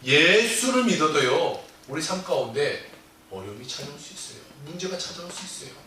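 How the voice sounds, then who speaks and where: Male pastor, animated sermon storytelling, somewhat high voice, roomy hall sound. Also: fairly quick. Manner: animated storytelling, acting out disciples' cries. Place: church sanctuary. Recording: echoey church hall, distant mic.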